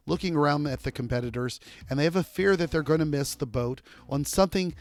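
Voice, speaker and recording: A man hosting a podcast, asking playful this-or-that questions and then giving a measured recap of advice. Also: mid-range voice. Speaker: podcast host. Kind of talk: casual interview and scripted recap.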